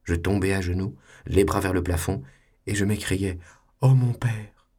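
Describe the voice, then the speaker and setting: A man giving a measured, theatrical literary reading. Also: low-pitched, little pitch movement, darkish tone.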